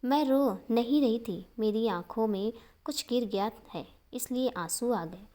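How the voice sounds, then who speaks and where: A shy, tender young woman speaks softly to a child, voiced by a woman telling a story. Her tone stays mild and even, like a figure in a spoken storybook. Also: on the high side, unhurried, close to an everyday voice.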